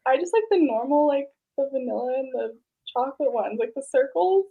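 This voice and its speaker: A woman's voice: sits high, expressive, brisk, creaky, narrow, tinny audio. A woman co-hosting a reading stream, teasing dryly in casual chat over a video call. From Canada.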